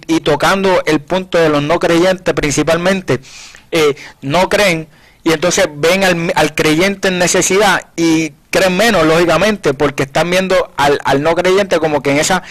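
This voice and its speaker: Earnest higher-voiced man teaching scripture. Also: fairly bright tone, rough recording. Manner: earnest, retells scripture in quoted dialogue, frequent restarts. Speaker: preacher on a Bible study program. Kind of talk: conversational Bible teaching. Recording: radio program broadcast.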